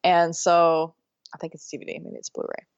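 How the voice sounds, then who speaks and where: Woman, podcast co-host, casual chat, lowish voice, laughs a lot, dry muffled sound. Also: monotone, moderate pace, smooth, no room sound. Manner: chatty, laughs often, trails off mid-sentence.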